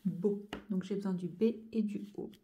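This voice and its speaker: A woman's voice: mid-range voice, fairly even intonation, normal speed, mellow. A woman teaching young children to join cursive letters, going over each stroke and sound patiently, one step at a time. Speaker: handwriting teacher.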